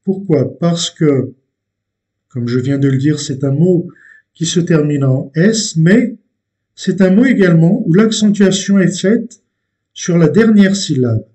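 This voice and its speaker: A man teaching a language lesson, explaining step by step in a deliberate way with frequent hesitations and repeated words. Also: on the high side, mellow.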